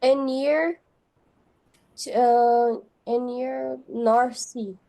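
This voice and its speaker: Hesitant woman, very slow. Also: on the high side, steady tone, dark tone, rough recording. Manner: hesitant, many fillers and restarts. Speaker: student.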